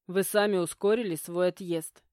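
A woman voicing a young male mentor who speaks calmly, softly and wearily. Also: fairly low pitch, moderate pace, no echo, clean studio sound, natural voice. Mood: quiet. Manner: calm, soft, tired. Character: calm weary young male mentor, quietly menacing.

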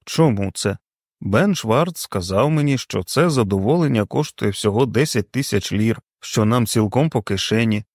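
A man's voice: lowish voice, expressive, normal speed, darkish tone, no echo. A defiant, grumbling husband, voiced by a male narrator, stubborn and sure of himself, with a voice that swings up and down. The reading is close and dry.

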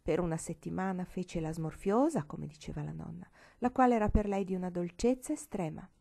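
A woman reads a storybook aloud with a mellow, warm tone. Her reading is expressive, and her voice sometimes drops to a whisper. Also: on the low side, a little fast, gravelly. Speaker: audiobook reader.

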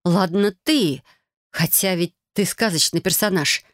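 A woman voicing a bewildered, quick-tempered young heroine who fires off exasperated questions. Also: fairly low pitch, a bit bright, no echo, studio quality. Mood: doubtful.

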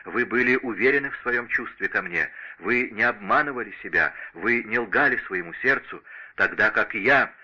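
A man's voice: lowish voice, animated, moderate pace, muffled recording. A man voicing a lovesick young French noblewoman who pleads with passion in an audiobook. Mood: pleading. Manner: impassioned, imploring. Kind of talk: audiobook character reading.

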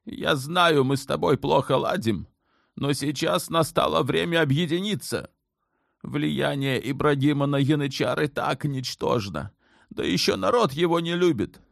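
A man's voice: a little high, unhurried, creaky, no echo, studio quality, pitched above the performer's own voice. A man voicing the sultan's mother in an audiobook, an older woman who speaks firmly and measuredly, clipped when pressed. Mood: stern. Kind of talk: audiobook character voice.

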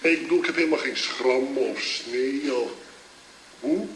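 A man's voice: mid-range voice, normal speed, close to an everyday voice. An actor playing a hungover, groggy man who rambles and chuckles through a phone call to his drinking buddy in a comedy sketch. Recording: old echoey recording with loud hiss.

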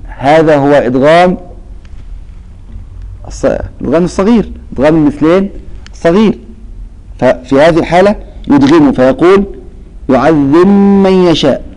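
Sheikh teaching Quran recitation. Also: male voice, on the high side, brisk, long pauses, darkish tone, low-quality recording. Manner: questions and answers his own questions; addresses students by name. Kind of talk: explaining lesson with recited verses.

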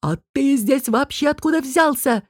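A woman's voice: sits high, expressive, normal speed, no echo, clean studio sound, voice pushed up. A woman voicing a huge hot-tempered male king who bellows with scorn. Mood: raging.

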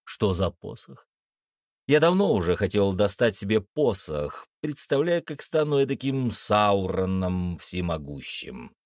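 A man's voice: on the low side, very animated, measured pace, few pauses, no echo. A man narrating a first-person fantasy audiobook in a wry, slangy manner, recorded close to the mic.

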